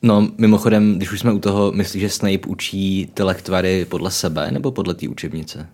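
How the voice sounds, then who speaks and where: A man's voice: low voice, a little mellow. A young man from the Czech Republic co-hosting a casual book chat, musing aloud with jokey asides. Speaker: podcast co-host.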